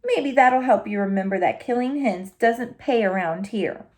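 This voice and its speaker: A woman's voice: a little high, expressive, moderate pace, darkish tone, close to an everyday voice. A woman voicing a stern, disappointed male rancher who scolds his dog.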